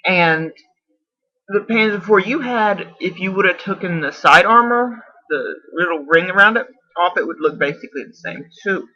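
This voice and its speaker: A man's voice: sits high, normal speed. A man in a casual video response, explaining at length, often correcting himself and unsure of details. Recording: dull lo-fi camera audio.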